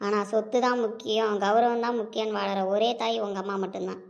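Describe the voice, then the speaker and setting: A woman's voice: medium pitch, fairly even intonation, fairly quick, vocal fry, lightly acted. A woman doing a fretful nagging grandmother. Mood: fretting. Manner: nagging, complaining. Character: scolding old grandmother, fretful and doting. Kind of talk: amateur audio drama.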